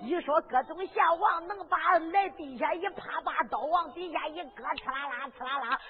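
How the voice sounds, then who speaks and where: A woman's voice: high-pitched, moderate pace. A woman ballad storyteller with a Henan accent, performing a zhuizi tale in a rhythmic, dramatic way with punchy sound effects. The recording sounds tinny, with long hall reverb.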